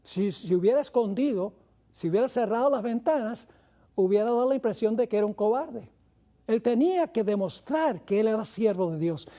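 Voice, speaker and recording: A male pastor delivers a sermon with a warm, mellow tone. He reads scripture aloud and slows down, lifting his pitch to press on key words. Between readings he turns to his listeners with earnest teaching asides.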